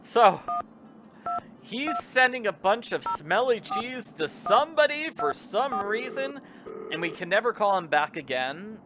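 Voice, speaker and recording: A man's voice: high voice, very animated, measured pace. A man giving casual, joking commentary while playing a video game, reading out viewer chat. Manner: joking, rambling, reads chat aloud. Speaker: let's play host. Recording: game music playing underneath.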